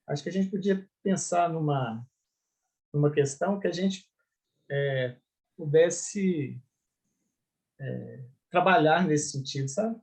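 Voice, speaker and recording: A man from Brazil leading a group study, musing hesitantly with many pauses and restarts. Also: a little high. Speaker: study leader. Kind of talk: reflective group Bible study talk.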